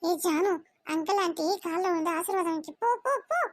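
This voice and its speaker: A woman's voice: very high voice, fairly quick, no room sound. A woman voicing a bossy middle-aged mother in a cartoon who scolds and fusses over her daughter's marriage. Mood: cheerful. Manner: scolding, fussing. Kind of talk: cartoon voice acting.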